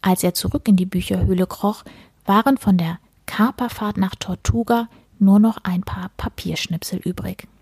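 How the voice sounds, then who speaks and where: A woman reading a children's story aloud in a soft, intimate whispered storytelling voice. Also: mid-range voice, moderate pace, breathy edge, no room sound.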